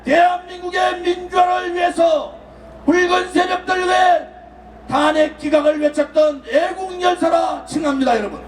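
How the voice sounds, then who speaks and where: A man giving an impassioned political rally speech outdoors, shouting slogans and leading the crowd in call-and-response chants. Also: very high-pitched, steady tone, normal speed. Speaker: political party speaker at a rally. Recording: echoey, distant, with crowd noise.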